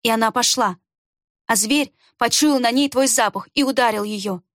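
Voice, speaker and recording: A woman reading an audiobook voices a young heroine who accuses in a cold, measured way. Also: a little high, fairly bright tone, dry recording, studio quality, lightly acted. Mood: cold accusing. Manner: icy, measured.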